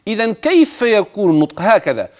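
A man teaching the rules of Quran recitation. He speaks straight to the listener, urges attention, and slowly stretches words to demonstrate how they should be pronounced. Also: high-pitched, big pitch swings. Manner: addresses the listener directly, urging attention. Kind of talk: tajweed lesson with recited examples.

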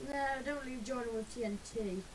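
A woman's voice: fairly high pitch, moderate pace, slight background noise, rough recording. A woman playing a game with a friend, chatting casually, teasing him and giggling often. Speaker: co-player. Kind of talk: casual gaming chat.

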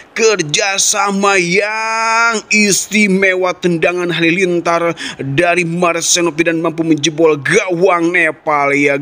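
An Indonesian man giving excited, exclamatory football game commentary in the manner of a touchdown call, repeating catchphrases. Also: sits high. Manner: shouting, exclamatory, repetitive catchphrases. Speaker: football gaming channel host and commentator.

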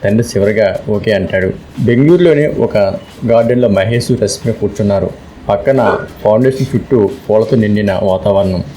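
A man narrating a romantic story in a calm, steady scripted read. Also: on the low side, normal speed, a little hiss or hum, low-quality recording.

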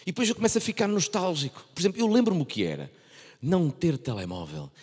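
Portuguese accent guy in his 30s doing standup, animated highish voice, big echoey theatre. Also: quick pace, husky. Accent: European Portuguese. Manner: animated, repeats and restarts phrases for effect. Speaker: stand-up comedian. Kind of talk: stand-up comedy routine. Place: large theatre stage. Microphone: handheld microphone. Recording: reverberant large theatre.

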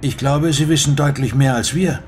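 A man's voice: medium pitch, normal speed, a little mellow, soft background music, pitched above the performer's own voice, natural voice. Brief: male reader as a probing young agent, lifted voice, keen. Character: young man trainee agent, curious and probing.

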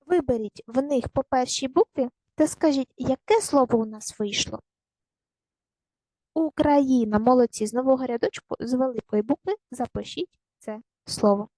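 A woman teaching a recorded primary school lesson, giving clear, patient step-by-step instructions to young children. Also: high voice, moderate pace, mellow, no room sound, poor audio.

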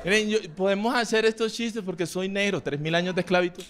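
A man's voice: high voice, fairly even intonation, fast. A young man with a Colombian coastal accent doing a brash, profane stand-up set on a club stage. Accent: Colombian coastal Spanish. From Colombian Caribbean coast. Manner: brash, profane, acts out loud characters. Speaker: stand-up comedian. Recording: live club recording, audible noise. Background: audience laughter and room ambience.

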